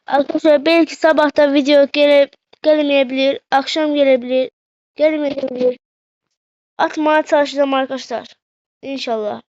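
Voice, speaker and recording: A woman's voice: high-pitched, normal speed, no echo, lo-fi sound. A woman commenting on her own mobile football game, groaning and cheering at each play. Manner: excitable, groaning and cheering at the match. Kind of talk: gameplay commentary.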